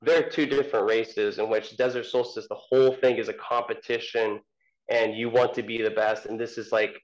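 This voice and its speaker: A man's voice: mid-range voice, level tone, normal speed. Modest man with muffled remote audio. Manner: hesitant, many ums and restarts, modest. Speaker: ultrarunner guest. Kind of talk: casual interview answers.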